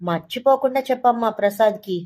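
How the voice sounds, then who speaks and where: A woman storyteller voicing a sly, sarcastic older male moneylender who drawls and flatters. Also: fairly high pitch, brisk, pitched above the performer's own voice, close to an everyday voice. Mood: flattering.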